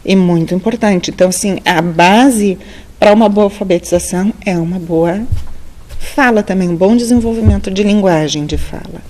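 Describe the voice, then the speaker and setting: Calm Brazilian woman explaining as an expert. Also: mid-range voice, a little hiss or hum. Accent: Brazilian Portuguese. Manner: calm, didactic, measured with fillers. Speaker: speech therapist guest. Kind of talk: explanatory interview answers.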